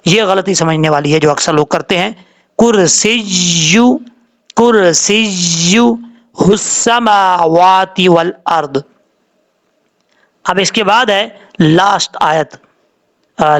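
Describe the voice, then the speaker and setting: A man teaching Quran recitation rules, explaining calmly and drawing out the words he demonstrates. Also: high voice, vocal fry. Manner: explains slowly, drawing out Arabic words when showing them. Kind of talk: tajweed lesson with slow demonstrations.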